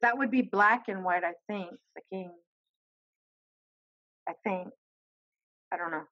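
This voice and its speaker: A woman co-hosting a podcast, easygoing and quick to laugh, chatting casually. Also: mid-range voice, no room sound, lo-fi sound. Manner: easygoing, laughs often, quick backchannel replies.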